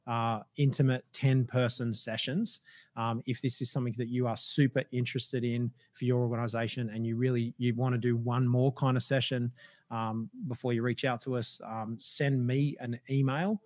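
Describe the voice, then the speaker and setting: A man hosts a business livestream, talking in a flat, even tone. He loops through fillers and restarts, and his voice is wearing thin. The sound is dry and close. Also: medium pitch, dry recording. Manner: rambling, with many fillers and restarts. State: losing his voice. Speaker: livestream host. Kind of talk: casual business livestream talk.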